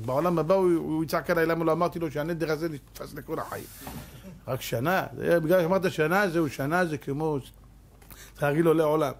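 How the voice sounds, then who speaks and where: Animated rabbi acting out stories. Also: male voice, a little high, slight background noise. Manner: animated storyteller who acts out dialogue, often laughing. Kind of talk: sermon with acted-out stories.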